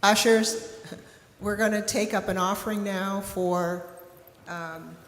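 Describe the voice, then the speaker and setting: A woman's voice: medium pitch, steady tone, slow, a little hiss or hum. A woman leading a church service, making announcements in a hesitant way with uhs and ums. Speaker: service leader. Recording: distant mic in a reverberant hall.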